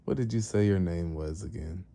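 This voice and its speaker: A man voicing a calm, scheming older male villain mastermind, speaking slowly and smugly. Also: sits low, gravelly. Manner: slow, measured, smug.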